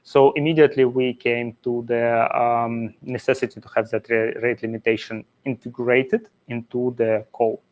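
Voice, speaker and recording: A man's voice: medium pitch, little pitch movement, moderate pace, few pauses, a little mellow. Man giving a technical meetup talk. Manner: explains step by step with frequent "uh" fillers. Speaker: conference speaker. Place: meetup venue.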